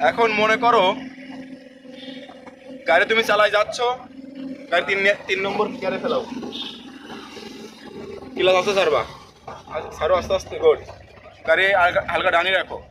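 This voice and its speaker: A man's voice: high voice, fairly even intonation, moderate pace, long pauses, sharp tone, a little hiss or hum. A man acting as a driving instructor in a car, bossy and scolding, repeating his instructions. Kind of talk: comic driving lesson skit. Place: in a moving car.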